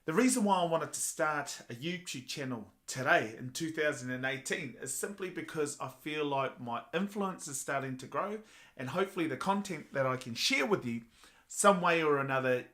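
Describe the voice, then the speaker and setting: A man's voice: medium pitch, a bit bright. A man with a Māori New Zealand accent talking earnestly and motivationally to viewers in a personal vlog. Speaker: vlogger.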